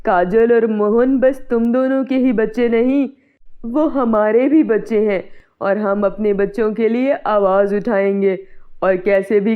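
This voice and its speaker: A woman's voice: medium pitch, smooth, natural voice. Woman voicing a firm, decisive neighbour man. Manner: firm, reassuring planning. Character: calm helpful male neighbour, steady and decisive. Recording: tinny phone-like sound.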